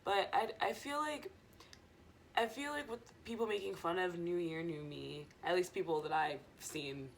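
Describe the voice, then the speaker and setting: A woman's voice: fairly low pitch, moderate pace, slight background noise. A woman chatting casually to her viewers as a vlogger, in a loose, rambling, digressive stoner manner.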